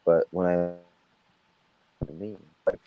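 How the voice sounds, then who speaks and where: A man co-hosting a casual podcast chat over an online call, talking haltingly while his audio glitches and cuts out. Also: low-pitched, steady tone, dry recording, phone-quality sound. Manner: hesitant, halting, many fillers. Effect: glitchy audio cutting out. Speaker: podcast co-host. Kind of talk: casual chat about occult books.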